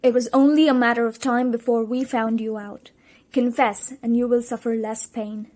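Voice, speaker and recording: Loud, hissing villainess, put on by a woman reading a storybook, a female monster posing as a strict teacher. She sneers her threats in a somewhat high voice and pushes her lines hard. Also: flat delivery, moderate pace, close to an everyday voice. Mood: cold threatening.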